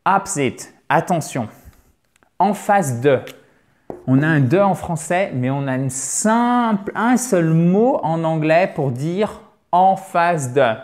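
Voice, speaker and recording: A man's voice: fairly high pitch, animated, a little mellow. Upbeat man teaching an online class. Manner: encouraging, repeats words slowly for drill; frequent "ok?" check-ins. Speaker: English teacher. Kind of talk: online lesson.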